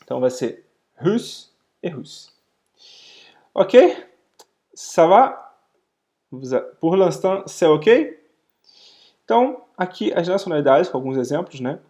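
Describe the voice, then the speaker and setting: In a live online lesson, a very animated man with a Brazilian Portuguese accent explains French step by step, often checking "ok?" and slowing to pronounce French words. His voice is fairly high and mellow.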